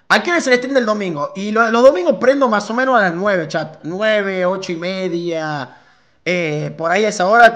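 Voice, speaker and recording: A man's voice: sits high, fairly bright tone. A young man with an Argentine accent streaming live, chatting with his viewers and reading their messages aloud in a slangy, chummy way. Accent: Argentine Spanish. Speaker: slots streamer. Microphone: new microphone.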